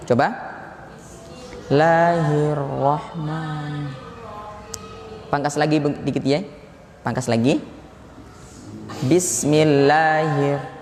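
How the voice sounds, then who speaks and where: A man, a Quran recitation teacher patiently drilling a group and counting them in, in a large mosque hall. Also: medium pitch. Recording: echoey hall, faint room ambience.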